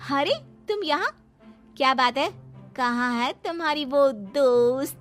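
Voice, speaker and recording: A woman's voice: high-pitched, animated, a little slow, a bit bright, soft background music, pitched above the performer's own voice. A woman voicing a friendly young woman in a cartoon who teases playfully. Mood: cheerful. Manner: friendly, teasing. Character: sweet cheerful young woman Shikha.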